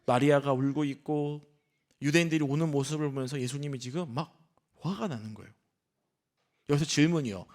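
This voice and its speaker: A man, a senior pastor, preaching a sermon in an animated style, asking the congregation questions and acting out the voices in the story. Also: fairly high pitch, fairly quick, long pauses.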